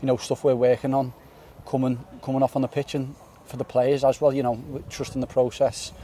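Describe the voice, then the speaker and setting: A young man talks fast and earnestly after a match, tripping over repeated words as he gathers his thoughts. His voice sits at a medium pitch with a mellow, dark tone. He is recorded outdoors on a floodlit pitch, with a faint open-air hush behind him. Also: flat delivery, a little hiss or hum. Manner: quick, earnest, repeats words while thinking. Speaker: footballer. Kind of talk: post-match interview. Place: floodlit football stadium pitch at night, outdoors. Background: faint outdoor stadium ambience.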